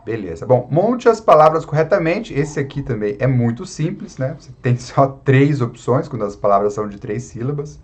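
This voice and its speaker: A man's voice: medium pitch, sing-song, moderate pace, hardly any pauses, a little mellow, slightly rough. A man teaching an online Latin lesson in Brazilian Portuguese, explaining patiently with frequent tag questions.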